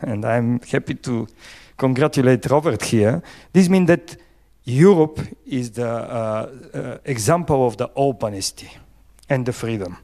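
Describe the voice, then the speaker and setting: A man's voice: medium pitch, a little mellow. Bulgarian-accented man giving a conference talk. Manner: halting, frequent pauses and fillers. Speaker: conference speaker. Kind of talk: conference presentation.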